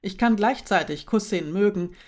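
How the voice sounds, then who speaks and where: A woman voicing Marim, a calm and supportive young man, with a reassuring storybook manner. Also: medium pitch, normal speed, close to an everyday voice.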